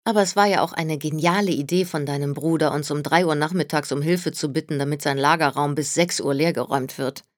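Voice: mid-range voice, a little fast, hardly any pauses, no room sound, clean studio sound, lightly acted. A reader doing a wry, tired young woman. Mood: sarcastic. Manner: sarcastic, teasing. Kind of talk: audiobook reading.

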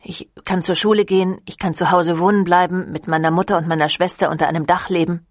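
A woman's voice: on the low side, fairly even intonation, quick pace, no echo, clean studio sound, lightly acted. Woman voicing a flustered young vampire guy. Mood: defensive. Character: young reluctant male vampire, defensive. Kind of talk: audiobook reading.

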